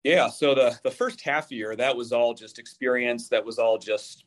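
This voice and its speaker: A man's voice: medium pitch, moderate pace. A man in his thirties, a real estate broker being interviewed, articulate but often restarting words. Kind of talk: casual interview.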